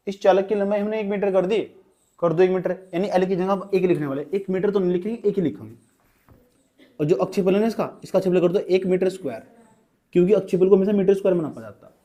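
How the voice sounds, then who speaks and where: A man's voice: high-pitched, mellow. A young male physics teacher in a classroom, urging students along, repeating phrases and calling on them by name.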